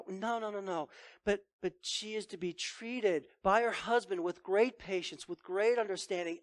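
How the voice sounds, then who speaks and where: A man preaching a sermon as pastor, reading scripture and then driving his points home in earnest, with emphatic rises and hushed drops. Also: sits high, dry recording.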